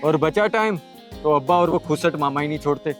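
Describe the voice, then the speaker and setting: A fretful young bachelor voiced by a man in a comedy drama, earnest and a little whiny, pitched a touch high for a man. Soft music hums underneath. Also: brisk, lightly acted. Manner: earnest, complaining. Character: young man, shy, desperate to marry. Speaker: lead character Shehzad.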